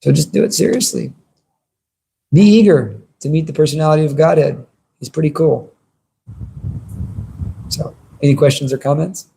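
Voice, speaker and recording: A man's voice: a little high, moderate pace, gravelly, long pauses, mellow, a little hiss or hum, low-quality recording. A man giving an informal devotional sermon as a religious teacher, conversational and earnest in his delivery.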